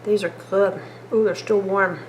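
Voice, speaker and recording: Slow, chatty woman in her kitchen. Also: mid-range voice, fairly even intonation, echoey room, a little hiss or hum. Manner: chatty, homey, talks to viewers. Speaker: cooking vlogger. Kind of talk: casual cooking vlog. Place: home kitchen.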